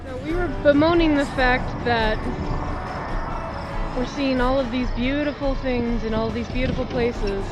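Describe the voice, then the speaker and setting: A woman's voice: high-pitched, measured pace, highs cut off, loud music behind the voice. A woman vlogger chatting casually and playfully as she narrates her road trip. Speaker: vlogger, channel host.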